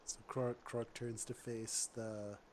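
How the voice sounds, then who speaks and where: A man's voice: medium pitch, little pitch movement, slow pace, a little mellow, slight background noise. A man speaking as a player in a tabletop role-playing game, voicing his character, often laughing.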